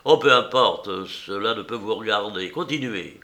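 A man voicing an impatient, hot-tempered young painter who talks loudly and presses for answers. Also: lowish voice, normal speed. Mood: exasperated. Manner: exasperated, loud, pressing.

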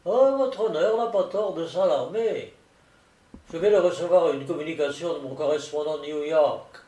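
A man voicing a discreet, deferential stockbroker in a storybook reading, speaking in a measured, confiding way. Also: a little high, mellow, lightly acted. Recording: roomy echo, distant mic.

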